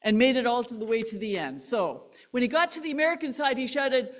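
A woman pastor, delivering a sermon as an animated story and laughing between lines. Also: on the high side, brisk.

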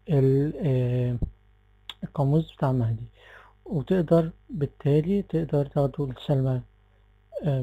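A man with an Egyptian Arabic accent gives a relaxed software tutorial, explaining step by step and often stopping to correct himself. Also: a little high, dry recording, poor audio. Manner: relaxed, explanatory, with frequent fillers and self-corrections. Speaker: tech tutorial presenter. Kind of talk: screen-recorded software tutorial.

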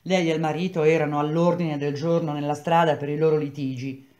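A woman reading a novel aloud in a calm, even storytelling manner. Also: sits low, brisk, lo-fi sound. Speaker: reader of a novel.

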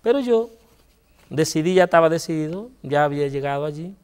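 A man with a Dominican Spanish accent and a fairly high voice tells his testimony as a priest on a TV interview. He speaks earnestly, dropping low and soft at painful moments. The sound has a long, hall-like reverb. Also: lively intonation, a little fast, clear, resonant tone. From Dominican Republic.

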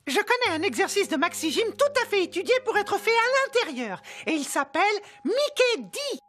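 A man voicing a cheerful male cartoon mouse in falsetto, encouraging children through exercises in French. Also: a bit bright, exaggerated voice. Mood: upbeat, encouraging. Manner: exclamatory, encouraging, simple instructions to children.

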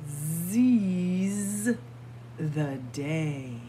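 Her voice sits on the low side, dark in tone, with lively intonation and drawn-out words: a middle-aged librarian reading a picture book to children word by word with teacherly emphasis. She's captured by a webcam or phone at arm's length in a small library room, with slight hiss or hum.

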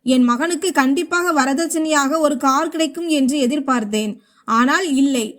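A woman's voice: high voice, moderate pace, lightly acted. Woman reading as a harsh scolding mother-in-law. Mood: bitter. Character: angry domineering middle-aged mother-in-law.

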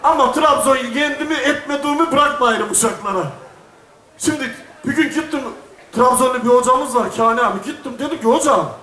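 A man's voice: very high-pitched, a little fast, sharp tone, distant mic. A middle-aged man from Istanbul, a folk singer chatting and joking with an audience from the stage, telling stories and laughing at himself. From Istanbul, Turkey. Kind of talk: casual stage chat to an audience. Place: stage at a crowded event venue. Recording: echoey venue, voice heard from afar.

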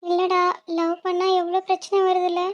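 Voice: very high-pitched, monotone, moderate pace, muffled recording. A voice actor playing a cheeky young college woman in a cartoon, bickering and sassy.

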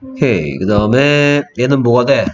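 A man's voice: mid-range voice, expressive, moderate pace, a little hiss or hum. A man tutoring English phonics one-on-one, quizzing his student on letter sounds. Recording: dull lo-fi audio with music.

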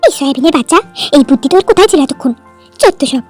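A woman doing a loud, crude middle-aged mother in a storybook tale who scolds and insults at the top of her voice. Her voice sits extremely high and piercing. Faint music plays underneath. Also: animated, racing. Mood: scolding.

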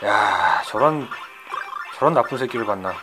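Lively, profane Korean game streamer man. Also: lowish voice, measured pace, loud music behind the voice. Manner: swears and yells at the computer opponent; swings from shouting to muttering. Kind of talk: profane retro game commentary.

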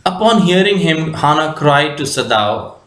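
A man with an Indian English accent reading a story aloud and explaining it as a teacher, with slow, deliberate phrasing and frequent fillers. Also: fairly high pitch, big pitch swings, a bit bright, echoey room.

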